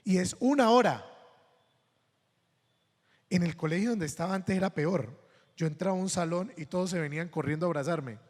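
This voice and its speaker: Colombian priest giving a sermon, slightly high voice, jokey stories, big echoey hall. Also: male voice, moderate pace, long pauses, darkish tone. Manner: anecdotal, humorous, acts out quoted voices.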